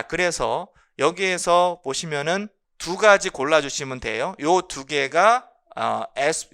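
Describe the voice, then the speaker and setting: A man teaches an exam-prep class, his pitch jumping around animatedly. His voice is bright and crisp, and he keeps asking questions and then answering them himself. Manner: lively, repeats key points, asks and answers his own questions. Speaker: English linguistics lecturer. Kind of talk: exam-prep lecture explaining phonology.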